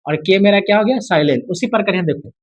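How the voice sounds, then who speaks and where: A high-voiced male English teacher talks fast through a casual spoken lesson, drilling grammar rules on a low-quality recording. He quizzes repetitively, says the answers aloud, and calls his viewers friend and brother.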